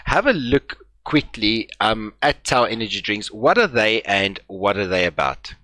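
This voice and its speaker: A man's voice: fairly low pitch, sing-song, a little slow, pushed and bright, no room sound. A man with a broad South African accent, commentating on sim racing as host and chatting casually. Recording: clear vehicle and ambient noise.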